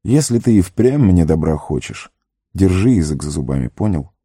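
A man's voice: low voice, very animated, moderate pace, warm tone, breathy edge, no echo, studio quality, full character voice. A man voicing an earnest young hero in an audiobook, speaking firmly and seriously. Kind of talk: audiobook character reading.

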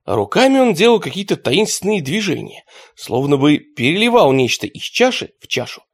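A man narrating an audiobook in an expressive storytelling manner. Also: fairly high pitch, normal speed.

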